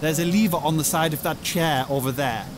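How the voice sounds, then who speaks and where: A man's voice: on the high side, brisk, lightly acted. An actor voicing a commanding, theatrical male doctor who brings the dead back to life in a video game. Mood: instructing.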